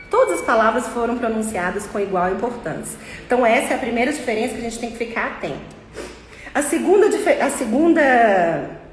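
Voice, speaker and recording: Brazilian woman, English teacher, patient step-by-step explainer, slightly high voice, echoey roomy sound with long reverb. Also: a little hiss or hum. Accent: Brazilian Portuguese. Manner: patient, explains step by step, repeats key points. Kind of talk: informal online English lesson. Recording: echoey room with long reverb and faint ambience.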